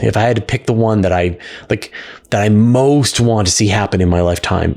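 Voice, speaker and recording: The middle-aged host of a space science question show answers in a conversational, explanatory style, leaning on key words for emphasis. His voice is mid-range.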